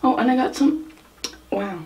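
A woman's voice: sits high, measured pace, dark tone, dull audio. A young woman from Ireland chatting casually in a makeup vlog, rambling and self-deprecating with frequent giggles. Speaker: vlogger.

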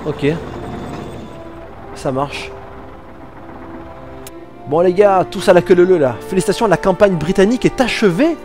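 A man giving casual, excitable commentary while playing a war game, swearing and talking back to the game. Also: high-pitched, measured pace, pauses often. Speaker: let's play gamer. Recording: game music under voice.

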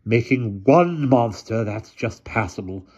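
A man doing a haughty old aunt, high and crisp. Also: animated, a little mellow. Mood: imperious. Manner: crisp, commanding, slow and deliberate. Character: very old imperious aunt, brisk and dry. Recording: dull lo-fi recording.

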